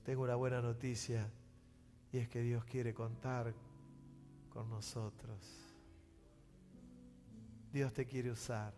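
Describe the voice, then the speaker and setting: Argentine pastor preaching slowly in a reverberant church. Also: male voice, medium pitch, level tone. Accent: Rioplatense Spanish. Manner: swings from loud acted outbursts to hushed slow pleading. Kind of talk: sermon. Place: church sanctuary. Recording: church hall reverb with music.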